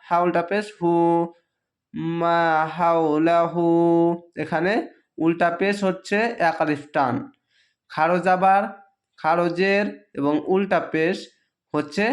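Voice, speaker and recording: A man teaching Quran reading in a Bangladeshi Bengali accent, spelling each syllable slowly and patiently in a drawn-out recitation. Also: a little high. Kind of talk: slow letter-by-letter spelling lesson.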